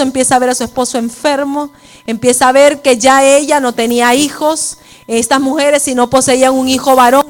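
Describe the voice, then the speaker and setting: A woman preaching a sermon at a women's church service, mixing personal testimony with preaching and often asking her listeners if they follow. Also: sits high. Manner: repeats "¿me entiende?" to the listeners.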